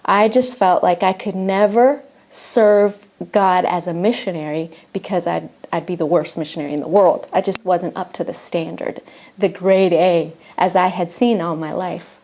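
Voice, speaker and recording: Speaking at a moderate pace in a steady, fairly low and slightly mellow voice, a middle-aged woman from Argentina gives her personal testimony. She is a missionary and native Spanish speaker, and she tells her faith story earnestly and thoughtfully, with some restarts.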